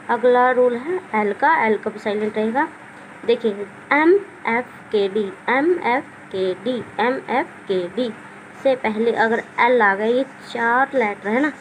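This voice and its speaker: A woman's voice: fairly high pitch, a little hiss or hum, low-quality recording. A woman explaining English spelling rules in a patient, repetitive teaching manner, asking questions and answering them herself. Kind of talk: classroom-style explanation.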